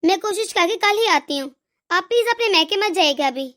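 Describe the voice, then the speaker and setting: A woman voicing a caring young sister-in-law in an animated moral story, calm and reassuring. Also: extremely high pitch, fairly quick, heavily acted.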